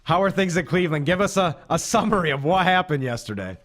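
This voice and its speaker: A man hosts a live radio talk show from the studio. His voice is a little higher than average, and he speaks conversationally, steering the talk with questions. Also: animated, fast, a bit bright.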